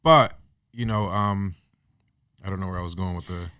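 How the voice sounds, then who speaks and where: A man in his thirties, an artist and business owner, chats as a podcast guest in a low, smooth voice with a sharp tone at normal speed. He talks casually, earnestly and reflectively, often restarting loosely, in a clean studio recording with no echo.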